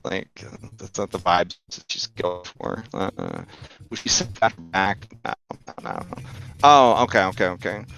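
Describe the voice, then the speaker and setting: A man's voice: low voice, sing-song, normal speed, gravelly, fairly bright tone. A man running a tabletop game as game master, narrating casually with rambling, joking, sometimes profane asides.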